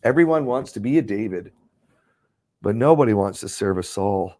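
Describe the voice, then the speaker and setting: A man's voice: fairly low pitch, animated, normal speed, warm tone. A man teaching about ministry in casual chat, rambling with restarts and frequent chuckles.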